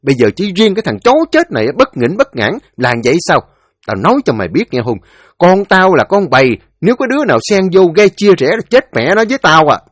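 A man voicing a domineering old father, gruff and threatening. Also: fairly high pitch, big pitch swings, fast talker, no room sound, clean studio sound. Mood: angry. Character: stern old father, domineering and hot-tempered.

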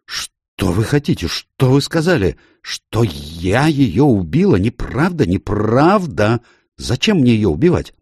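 A man voicing a hot-tempered young Peruvian woman who bursts out in high, excitable cries. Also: a little slow, dry recording, studio quality. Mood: shrill. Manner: shrill, excitable outbursts.

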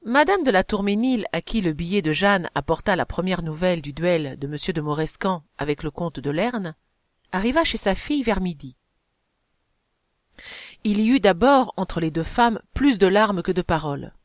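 A woman narrating a novel in a measured, expressive audiobook reading. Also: lowish voice, dry recording, clean studio sound. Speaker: audiobook reader.

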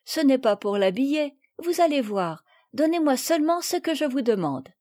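A woman's voice: high-pitched, very animated, normal speed, darkish tone, no room sound, clean studio sound. Woman voicing a boastful little girl. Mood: confident.

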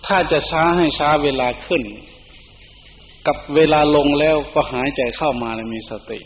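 A man's voice: a little high, moderate pace. A middle-aged man with an Isan accent, a Buddhist monk giving a sermon and breaking into Pali chanting to show how it should sound. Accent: Isan (northeastern Thai). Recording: dull lo-fi hall recording with faint hum.

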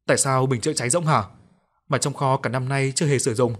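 A man's voice: mid-range voice, fairly even intonation, quick pace, close to an everyday voice. A man playing a stern, scolding factory boss. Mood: angry. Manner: scolding, blunt. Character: stern middle-aged male factory owner, quick to anger.

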